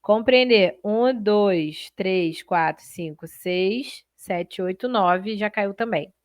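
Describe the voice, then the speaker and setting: A woman's voice: medium pitch, slow, dry recording, clean studio sound. Chatty woman teaching a live class. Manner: lively, chatty, talks straight to students with frequent "né?" and "ó". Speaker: Portuguese teacher. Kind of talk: live online exam-prep class.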